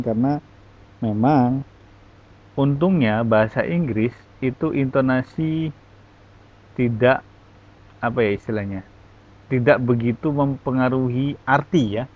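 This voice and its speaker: Slow, halting male teacher. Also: mid-range voice, phone-quality sound. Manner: mixes English and Indonesian, slow and halting. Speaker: English teacher. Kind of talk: online class feedback. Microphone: online class audio.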